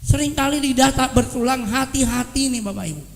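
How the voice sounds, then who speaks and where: A man's voice: very high-pitched, fairly quick. A man preaching a sermon to his congregation, speaking to them directly and acting out gossip in quoted voices. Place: worship hall. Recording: long hall reverb.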